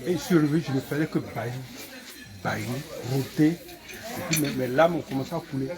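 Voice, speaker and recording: A man's voice: medium pitch, fairly quick. Man giving a grateful testimony. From Ivory Coast. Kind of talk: spoken testimony. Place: church gathering.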